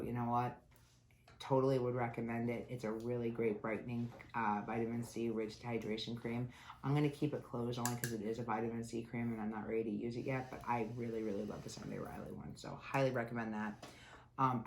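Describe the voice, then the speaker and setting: Nasal from a cold, this woman's rumbling low, slightly mellow voice carries a chatty, candid beauty-box review. A beauty vlogger, she unboxes subscription boxes casually and grumbles about the packaging. The recording is in an echoey room with faint noise.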